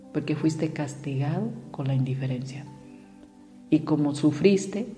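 A woman's voice: low voice, mellow, in a large hall. A woman gives a reflective motivational talk and asks her listeners direct questions. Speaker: speaker on emotions.

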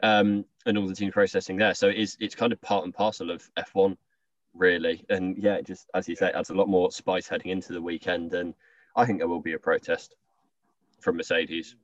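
A man's voice: deep voice, level tone, a little fast, dry recording. A man co-hosting a casual chat, joking and rambling with lots of "like". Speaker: podcast co-host. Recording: distant, dry, dull lo-fi sound.

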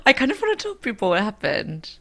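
A woman's voice: on the high side, huge pitch swings, fast, fairly bright tone. A woman co-hosting a podcast, trading casual comic banter with dry, profane interjections. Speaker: podcast co-host.

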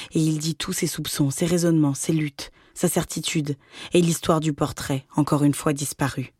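A reader narrating an audiobook in a measured, dramatic tone. The recording is dry and close. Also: mid-range voice, breathy edge, no room sound.

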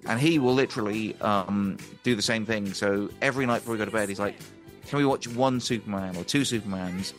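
A man's voice: on the low side, a little fast, faint music behind. A man telling a rambling, chatty story as a podcast guest, laughing often. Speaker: guest musician and ukulele teacher. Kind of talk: casual storytelling.

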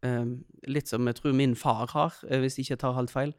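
A man in his thirties, a podcast guest, telling stories in an animated way in casual chat. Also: mid-range voice, clean tone, no echo, clean studio sound. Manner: animated, laughing storyteller.

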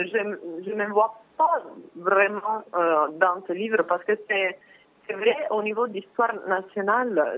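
A young woman from Milan speaking French with an Italian accent, Italian her first language, answering interview questions by phone and often pausing to search for words. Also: medium pitch, fairly bright tone. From Milan, northern Italy. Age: young adult. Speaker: phone guest. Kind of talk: casual interview. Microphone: telephone. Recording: dull phone line.

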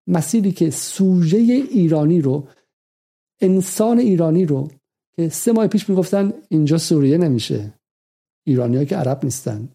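Bright-voiced man delivering argumentative commentary. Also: a little high, husky. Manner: argumentative, repeats phrases for emphasis. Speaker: political commentary host. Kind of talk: analytical commentary monologue.

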